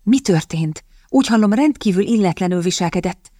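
A woman reading the part of an amused young English gentleman who talks lightly and offhandedly. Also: sits high, animated, no room sound, clean studio sound.

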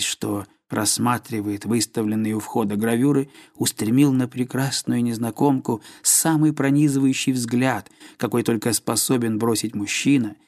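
A man reads a classic novel aloud as an audiobook narrator. His voice sits at an ordinary middle pitch. The reading is measured and literary, with dramatic pauses between phrases. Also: darkish tone.

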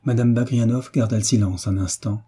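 Dark, husky male audiobook narrator. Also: mid-range voice, fairly even intonation, brisk. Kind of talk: scripted narration.

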